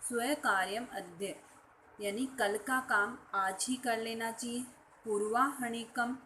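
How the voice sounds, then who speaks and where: A woman teaching a class, slowly explaining each verse word by word with its meaning. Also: mid-range voice, fairly bright tone, slight background noise, rough recording. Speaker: Sanskrit teacher.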